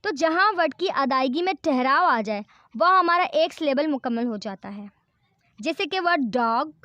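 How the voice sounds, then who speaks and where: A woman's voice: high voice, a bit bright, no echo, highs cut off. A woman teaching a grammar lesson. She counts syllables aloud, spells out words letter by letter and checks in with "right?". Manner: slow, careful English, checking in with "right?". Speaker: English teacher. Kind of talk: classroom-style grammar lesson.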